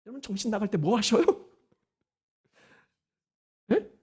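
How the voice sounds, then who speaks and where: Woman pastor preaching a sermon, husky voice, pitch jumping all over, lots of questions to the pews. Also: measured pace. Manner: animated preaching, frequent rhetorical questions to the congregation. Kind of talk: Sunday sermon.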